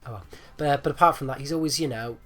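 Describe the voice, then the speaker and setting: Over faint music, a mid-range male voice comes rapid-fire and a bit bright. This gaming video host is getting over flu, phlegmy with a rattly, congested chest, and his casual gameplay talk is hesitant, rambling, and repetitive.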